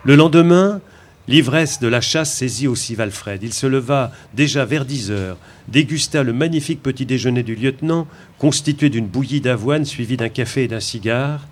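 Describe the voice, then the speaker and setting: A man narrating a story as a scripted audiobook reading, with a measured storytelling delivery. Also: mid-range voice.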